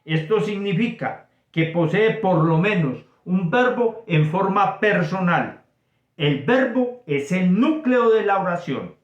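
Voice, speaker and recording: A man teaching a recorded grammar lesson, explaining slowly and reading example sentences in an exaggerated voice. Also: high-pitched, lively intonation. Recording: echoey room, dull lo-fi sound.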